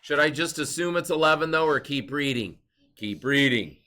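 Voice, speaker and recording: A man's voice: on the high side, lively intonation, normal speed, sharp tone. A male teacher giving a recorded math lesson, explaining step by step and asking and answering his own questions.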